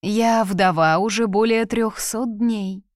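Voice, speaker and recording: A woman doing a charming elf widow, bright and lifted. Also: medium pitch, slow, no echo, studio quality, voice pushed up, close to an everyday voice. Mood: solemn.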